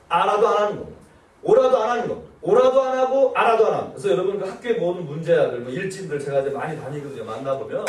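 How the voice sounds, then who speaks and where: A man, a pastor, giving a lively church seminar and acting out nagging quotes in shrill voices. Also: roomy sound, recorded from a distance. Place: church hall.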